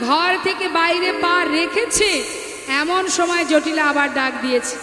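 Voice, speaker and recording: Woman kirtan storyteller, Bengali accent, very high voice, echoey hall, music under. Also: measured pace. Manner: dramatic, addressing audience directly. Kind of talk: devotional kirtan narration.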